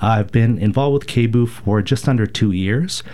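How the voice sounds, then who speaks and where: Low-voiced man, hesitant with many ums. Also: moderate pace, mellow. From rural Alberta, Canada. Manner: thoughtful, hesitant, many fillers. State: getting over a cold. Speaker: radio station board president, guest. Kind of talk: casual radio interview answers.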